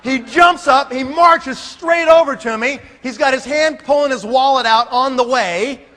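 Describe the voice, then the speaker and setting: A man telling a comic story to a live audience, animated and laughing as he acts out scenes. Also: extremely high pitch, measured pace. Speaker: speaker. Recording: long hall reverb, faint room noise.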